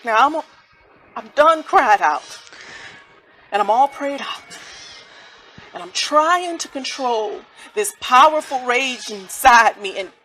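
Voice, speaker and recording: A woman acting a grieving mother in a stage play, speaking colloquially and swinging between hushed grief and angry outbursts. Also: sits high, animated, slow, long pauses, heavily acted, rough recording. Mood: bitter. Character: grieving mother, raw with sorrow and rage. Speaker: mother of a son shot by police.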